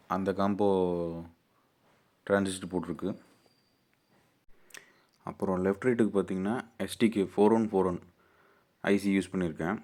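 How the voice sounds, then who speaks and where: Here an amplifier builder and repairer hosts his video channel, guiding viewers through a product casually and plainly. He is a man with a Tamil Nadu accent whose voice is low-pitched and darkish.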